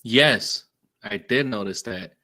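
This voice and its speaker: A man's voice: on the low side, takes it slowly, sharp tone. A man talking casually as a guest, rambling with many "like"s and "um"s. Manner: rambling, lots of fillers like "like". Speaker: podcast guest. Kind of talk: casual chat.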